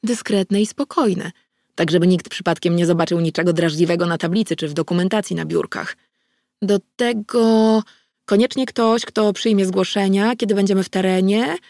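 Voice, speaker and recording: A woman narrating a novel in the first person at a steady, measured pace. Her voice has a gravelly grain. The recording is close and dry, without room echo. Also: mid-range voice. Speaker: audiobook narrator.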